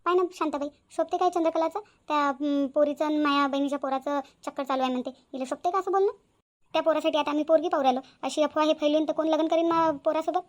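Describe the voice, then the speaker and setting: A woman's voice: high-pitched, fairly even intonation, quick pace, lightly acted. A woman voicing an angry, threatening middle-aged village aunt in a cartoon. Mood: indignant. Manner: indignant, threatening.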